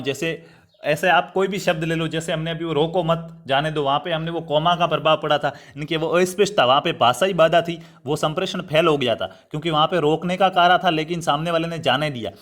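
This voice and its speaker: A man's voice: fairly high pitch, fairly bright tone. A young man from Rajasthan teaching an online exam-prep lecture, explaining step by step and often checking in with his students. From Rajasthan, India. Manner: repetitive, explanatory, addresses students as friends.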